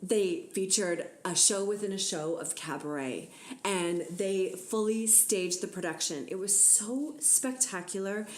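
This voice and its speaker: A woman's voice: medium pitch, unhurried. Canadian woman cohosting a pop culture chat, gushy and dramatic, roomy echo. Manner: effusive and theatrical, gushing with big emphasis. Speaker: podcast co-host.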